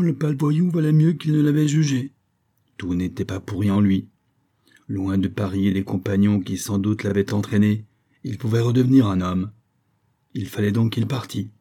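A man narrating a classic novel as an audiobook, in a steady, even storytelling manner. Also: lowish voice, husky.

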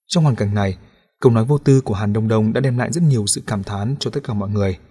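A man narrating a novel for an audiobook, his voice low and slightly husky. He tells the story in a steady, even manner. The delivery stays measured throughout.

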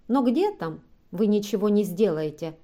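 A woman's voice: mid-range voice, lively intonation, moderate pace, mellow, lightly acted. A woman reading an audiobook and voicing a stubborn, distrustful man who scornfully accuses a woman of lying.

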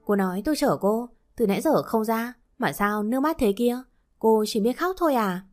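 A man's voice: high-pitched, animated, moderate pace, darkish tone, faint music behind. A woman reading aloud, voicing a blunt, impatient young man who scolds in short, clipped lines. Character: curt, brusque young man with a car.

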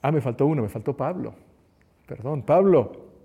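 A man's voice: medium pitch, expressive, normal speed, dark tone, slightly rough. A man preaching a conversational sermon who acts out the quotes he tells. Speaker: preacher and teacher.

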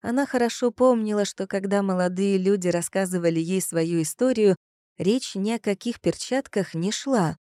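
Woman narrating a detective audiobook, warm mellow voice, dry close sound, calm and measured. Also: medium pitch, no room sound. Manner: measured, even storytelling. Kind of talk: scripted narration.

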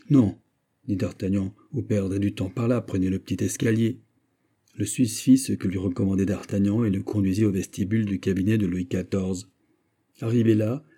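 A man narrating a classic novel as an audiobook in a calm, measured way. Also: lowish voice, husky.

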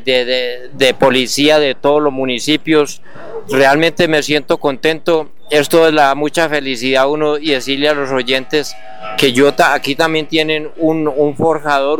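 A man with an Antioquian accent, a guest on a radio interview, speaking in an earnest, halting and grateful way. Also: medium pitch, a bit bright, slight background noise. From Colombia. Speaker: guest, wheelchair traveler.

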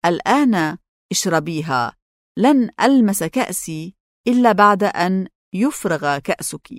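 A woman's voice: lowish voice, animated, normal speed, dry recording, clean studio sound, lightly acted. A woman reading an audiobook, voicing a fond older mother figure who speaks in an affectionate, coaxing way.

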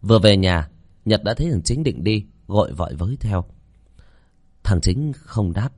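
A man narrates a spooky tale with expressive storytelling. His voice sits low but swings widely in pitch. The recording is dry and close. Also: moderate pace, no echo. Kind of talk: audiobook horror story narration.

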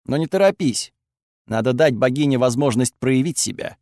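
A man voicing a calm, patient young male hero who talks in a coaxing, steady way. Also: mid-range voice, moderate pace, no echo, studio quality.

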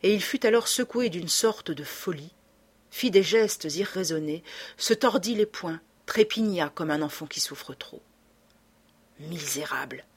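A woman narrating an audiobook with a dramatic, expressive reading. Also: on the low side, a little slow, husky.

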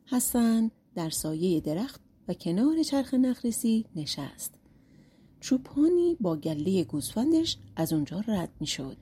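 Woman narrating old folk tale, unhurried, low warm tone. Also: sing-song, husky. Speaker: audiobook narrator.

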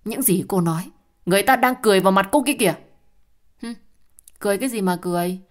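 A woman voicing a spiteful, sharp-tongued young mistress who snaps and sneers in an audio story. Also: fast talker, natural voice. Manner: snide, shrill.

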